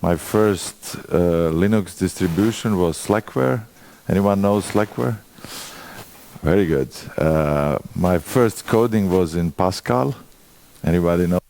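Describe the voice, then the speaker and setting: A man in his forties from Croatia, speaking with a Croatian accent as he gives a conference presentation and puts quick questions to the audience. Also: deep voice, creaky, a little mellow, slight background noise. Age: 40s.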